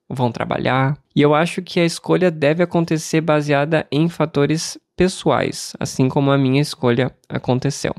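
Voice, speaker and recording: A Brazilian man teaching Portuguese on a podcast, explaining calmly and asking and answering his own questions. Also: medium pitch, no echo, studio quality. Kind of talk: podcast lesson for learners.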